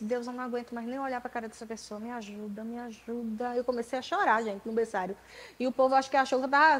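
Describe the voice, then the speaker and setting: A woman in her forties with a Brazilian accent, preaching in church, telling her own story with jokes and loud emphatic bursts. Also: fairly high pitch, low-quality recording. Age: 40s. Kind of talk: sermon with personal testimony.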